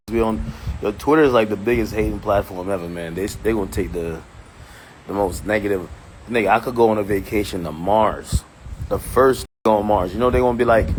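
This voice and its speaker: A man chatting casually outdoors, rambling loosely with lots of fillers and laughs. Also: on the low side. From Jamaican. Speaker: streamer host. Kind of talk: casual vlog chat. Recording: loud outdoor noise.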